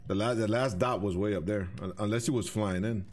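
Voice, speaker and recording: A young man from the US Virgin Islands with the island accent, chatting casually while streaming a game, easygoing but animated when he rants. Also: on the low side, brisk, crowd noise. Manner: easygoing, turns loud and animated when ranting. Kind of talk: casual gaming chat.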